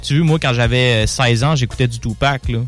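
Thoughtful young co-host. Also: male voice, mid-range voice, fairly quick, faint music behind. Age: 20s. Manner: thoughtful, sums things up. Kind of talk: casual interview chat.

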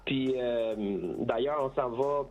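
A man's voice: mid-range voice, fairly even intonation, takes it slowly, a little mellow, soft background music. Man, from Costa Rica, hesitant radio guest, mixes French and Spanish, muffled lo-fi audio. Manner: hesitant, many restarts, switches between French and Spanish. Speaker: band member, interview guest. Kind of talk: casual radio interview.

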